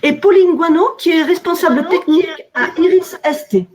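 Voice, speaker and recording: A woman with a southern French accent from the Midi-Pyrénées introduces and moderates a webinar, speaking in a measured way with frequent fillers. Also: very high voice, darkish tone. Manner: measured, with frequent "alors" and "euh". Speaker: webinar moderator, communications officer.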